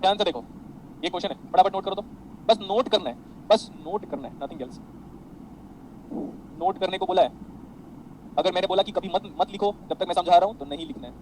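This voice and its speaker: Fast-talking male electronics teacher. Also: sits high, a little mellow, slight background noise, low-quality recording. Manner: brisk, mixes Hindi and English, addresses students as beta. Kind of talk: online class lecture.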